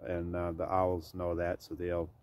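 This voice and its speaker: A man's voice: sits low, completely flat delivery, measured pace, a little mellow. A man vlogging from his farm, talking casually and rambling with many ums and uhs. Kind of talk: casual chat to camera.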